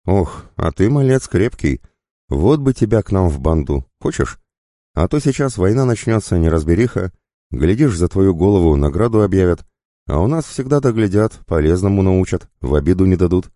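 A man's voice: low-pitched, sing-song, moderate pace, warm tone, dry recording, studio quality, pitched above the performer's own voice. A man voicing a sly, cruel bandit who goads and mocks. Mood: jeering. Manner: jeering, goading.

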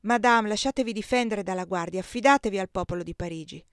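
A woman voicing a hot-tempered, insinuating man in an audiobook, speaking raised and forceful. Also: mid-range voice, fast, no room sound, clean studio sound, lightly acted. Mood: pressing.

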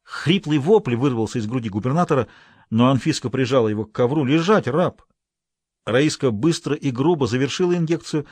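A male narrator reads fiction aloud in an expressive, dramatic way. His mid-range pitch rises and falls freely, and the recording is dry and close, with no room sound. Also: a little fast, slightly rough, dry recording. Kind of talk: audiobook reading.

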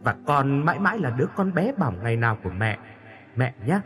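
Man reads gentle ghost daughter, soft and pleading, lively lilt. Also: mid-range voice, brisk. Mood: tender. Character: young dead daughter, tender spirit.

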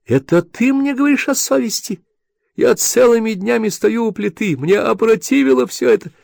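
A man's voice: lively intonation, moderate pace, creaky, darkish tone, dry recording, studio quality. A man voicing a furious, scolding wife in her forties in an audiobook. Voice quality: shrill, scolding. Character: shrill furious middle-aged wife.

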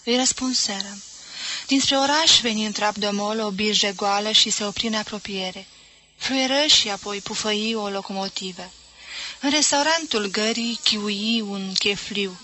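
A woman reading a novel aloud as an audiobook, in measured, even storytelling. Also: mid-range voice, low-quality recording. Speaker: audiobook reader. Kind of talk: literary audiobook narration.

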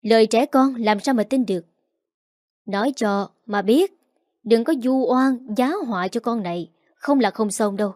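A woman voicing a spiteful, sharp-tongued young woman. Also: a little high, normal speed, no echo, clean studio sound, close to an everyday voice. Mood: defiant. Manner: rude, scolding.

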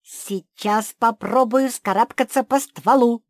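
Kuki, a shrill pug puppy girl, read by a woman. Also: unhurried, dry recording, studio quality. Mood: excited. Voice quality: shrill, excited shouting. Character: youngest pug puppy girl, excitable and bold.

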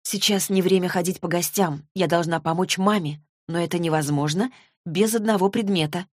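A woman's voice: on the low side, normal speed, no room sound, clean studio sound, natural voice. A woman voicing an anxious teenage girl who speaks urgently and pleadingly. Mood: earnest. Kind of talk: audiobook character reading.

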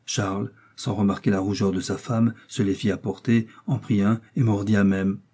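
A man narrating a classic novel as an audiobook, in a measured, grave storytelling manner. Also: lowish voice, little pitch movement, warm tone, husky.

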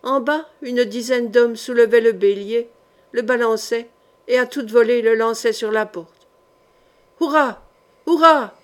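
A woman narrating a historical novel audiobook in a measured, dramatic reading. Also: fairly high pitch, steady tone.

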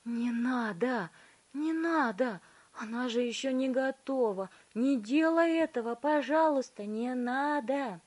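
Eccentric storybook inventor played by a woman: a man who is eager, fussy and pleading, with a raised, slow voice. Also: high voice, darkish tone, voice pushed up. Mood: excited, pleading. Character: eccentric male candy inventor, excitable and fretful.

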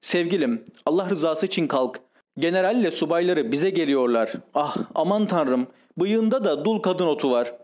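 A man voicing a flustered, coquettish young lady of the house in an audiobook reading, raising his voice higher for her. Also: lively intonation, normal speed, darkish tone, natural voice. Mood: urgent.

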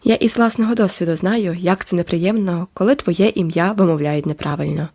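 A weary young schoolteacher from a storybook, answering softly and politely, read by a female narrator. Her voice stays restrained and gentle, close to the narrator's own. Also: on the low side, fairly quick.

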